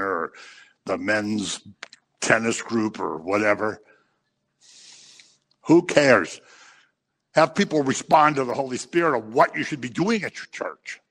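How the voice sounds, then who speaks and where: A man preaching a sermon in a conversational, animated way, acting out the voices of the people he quotes. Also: mid-range voice. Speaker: pastor.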